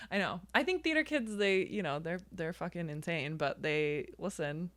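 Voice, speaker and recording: Chatty, low-voiced woman guest. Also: animated, normal speed, no echo. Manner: chatty, profane, laughs often. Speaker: podcast guest, journalist. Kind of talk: casual chat.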